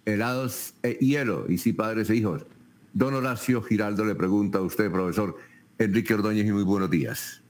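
A man hosting a radio news show, briskly reading listeners' questions to a guest expert. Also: fairly low pitch.

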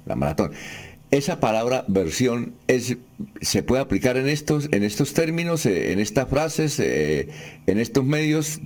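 A radio host with a deep, low voice reads out listener questions. He speaks formally and courteously, in a steady on-air manner.

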